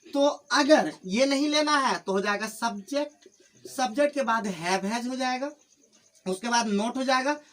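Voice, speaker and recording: A male English teacher speaks slowly and patiently in a very high-pitched, fairly bright voice. He teaches spoken English in Hindi to a classroom of students, explaining repetitively and addressing them fondly. It was filmed on camera with no microphone.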